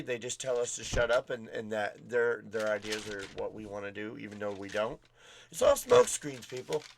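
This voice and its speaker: A man hosting a casual political commentary vlog, rambling with many fillers and restarts. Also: a little high.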